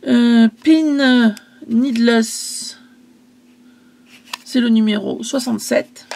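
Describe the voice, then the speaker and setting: A woman's voice: fairly high pitch, creaky, a little mellow, a little hiss or hum. A woman casually selling her craft supplies in a vlog, chatty and hesitant, stumbling over English product names.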